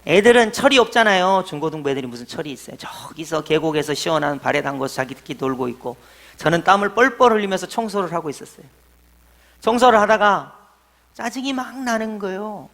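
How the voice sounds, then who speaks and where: Middle-aged male pastor with a slightly high, gravelly voice, preaching with emphatic storytelling. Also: lively intonation, fast. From Jeolla, South Korea. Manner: storytelling, swings between loud emphatic and quiet asides. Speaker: senior pastor. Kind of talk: sermon.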